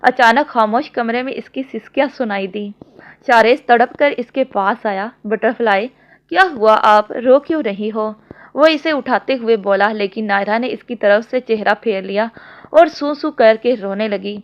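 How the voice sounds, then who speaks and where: A woman reading a romance novel aloud in a steady, storybook narration. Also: fairly high pitch, normal speed. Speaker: novel reader. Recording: dull lo-fi audio.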